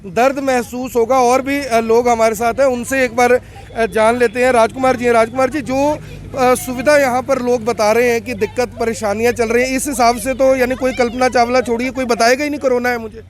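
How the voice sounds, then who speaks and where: High-voiced man reporting outdoors. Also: fairly even intonation, fairly quick. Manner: leading questions, emphatic commentary. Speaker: field reporter. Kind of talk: on-the-spot news reporting. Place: outdoors at a cremation ground.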